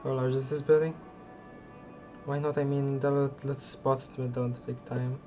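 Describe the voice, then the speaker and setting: A man streaming a game with casual live commentary, reacting and reading on-screen text aloud in a halting way. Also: medium pitch, level tone, music in the background.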